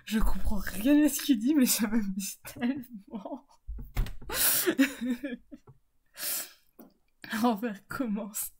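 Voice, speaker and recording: A woman's voice: a little high, lively intonation, drawn-out words, long pauses, darkish tone, slightly rough. A woman streamer chatting casually with her viewers while setting up and playing a game, laughing often. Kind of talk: casual live-stream chat while gaming.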